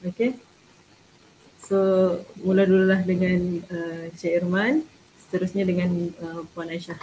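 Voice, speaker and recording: A woman with a Malaysian accent informally moderating an online forum, haltingly and with English phrases mixed in. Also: on the low side, fairly even intonation, a little mellow. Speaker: panel host, moderator. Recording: noisy online call.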